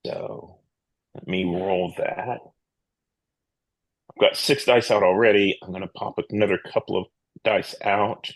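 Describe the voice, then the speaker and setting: A man's voice: deep voice, fairly even intonation, measured pace, pauses often, husky, low-quality recording. A man chatting casually as a player in a tabletop game, thinking aloud.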